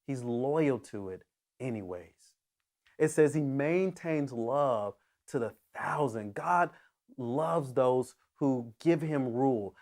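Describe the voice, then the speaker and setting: A man's voice: mid-range voice, darkish tone. A man preaching a sermon as pastor, earnest and emphatic, often restarting his phrases as he builds toward a point.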